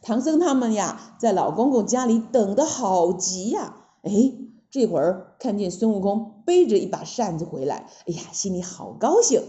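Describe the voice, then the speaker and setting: Animated woman telling a children's story. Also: medium pitch, moderate pace, echoey room, lo-fi sound. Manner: animated, exclaiming.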